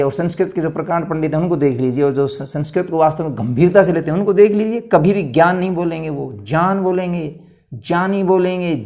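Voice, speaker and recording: Man, teacher, lecturing, emphatic, self-questioning, drawn-out spelling. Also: fairly high pitch, darkish tone. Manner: emphatic, asks and answers his own questions, slows to spell out letters. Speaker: Hindi teacher. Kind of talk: explanatory lecture.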